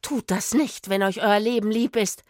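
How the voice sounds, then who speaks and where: A woman's voice: mid-range voice, fairly even intonation, moderate pace, dry recording, studio quality, natural voice. A woman voicing a fearful, superstitious old village woman who hisses urgent warnings, in a children's audio story. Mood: pleading. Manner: hissing, urgent and imploring.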